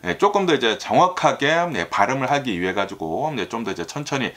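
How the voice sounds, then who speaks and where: A talkative YouTuber reviews US news in a casual solo video, his medium-pitched voice lively and fairly quick. He rambles, laughs at times, and leans heavily on fillers, constantly saying "ne" and "ireoke tto."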